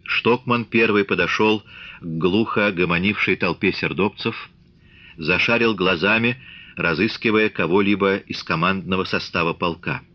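A man reading a classic novel aloud in measured scripted narration. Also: low-pitched, muffled recording. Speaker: audiobook reader.

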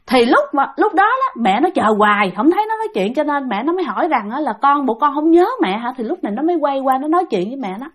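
High-voiced Southern Vietnamese woman storyteller. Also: sing-song, fast, hardly any pauses, a bit bright. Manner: chatty, keeps addressing listeners directly. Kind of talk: casual ghost-story telling.

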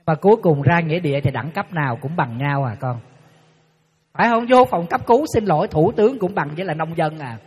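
A man, a Buddhist monk giving a lively sermon to an audience, telling stories and teasing listeners. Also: sits high, husky. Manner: lively storytelling, acts out quotes, teasing the audience. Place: large hall with an audience. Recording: lo-fi live hall recording with long reverb.

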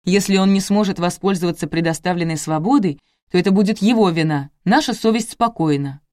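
A woman reading a timid, halting woman. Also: on the low side, dark tone, dry recording, clean studio sound, lightly acted. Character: timid, whimpering woman friend. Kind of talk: audiobook character reading.

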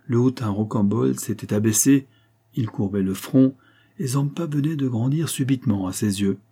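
A man's voice: medium pitch, normal speed, mellow, breathy edge. A man reading a classic adventure novel aloud as scripted narration. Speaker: audiobook reader.

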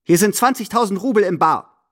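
A man's voice: high voice, expressive, brisk, voice pushed up. A man voicing an imperious, impatient old grandmother at the roulette table, scolding and hissing orders. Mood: bossy, impatient.

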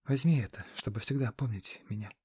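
A man voicing a loving young queen, soft and pleading, in an audiobook. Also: mid-range voice, brisk, husky, dry recording, studio quality. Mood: tender.

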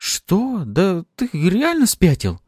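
A man's voice: sits high, huge pitch swings, slow pace, a little mellow, breathy edge, no room sound, studio quality, voice pushed up, exaggerated voice. A man voicing a sly, mocking succubus woman. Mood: indignant. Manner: mocking, playful. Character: sly teasing female succubus demon. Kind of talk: audiobook character voice.

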